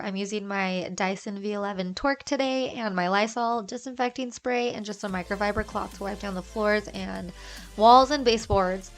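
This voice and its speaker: A woman's voice: medium pitch, a bit bright. A young woman with a stuffy, nasal voice from a cold, chatting and explaining her way through a casual cleaning vlog voice-over. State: congested with a cold. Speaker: cleaning vlogger and mother. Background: music.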